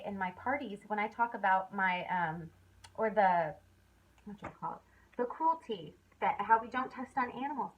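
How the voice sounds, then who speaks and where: A woman's voice: medium pitch, slight background noise. A young woman giving a casual sales training talk, chatty and full of fillers, sometimes acting out upbeat messages. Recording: dull lo-fi recording.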